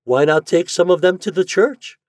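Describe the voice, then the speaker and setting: A man's voice: high-pitched, normal speed, darkish tone, no room sound, voice pushed up, natural voice. A man doing a kindly mother from a storybook, her voice lifted above his own and friendly in tone. The reading is dry and close to the mic. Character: kindly mother, middle-aged woman.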